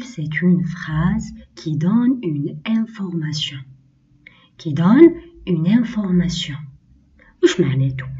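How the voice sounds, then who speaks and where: Slow, lively Algerian woman teaching children. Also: on the low side. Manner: slow, repeats key phrases, switches into Algerian Arabic to explain. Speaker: primary school French teacher. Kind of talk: classroom lesson for children. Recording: distant, dull lo-fi recording.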